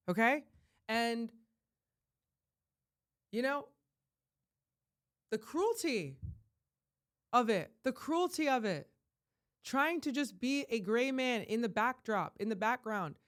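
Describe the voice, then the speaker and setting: A woman life coach giving an emphatic, rambling vlog monologue that surges to loud, heated peaks. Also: on the high side, expressive, takes it slowly, pauses often. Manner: rambling with frequent restarts.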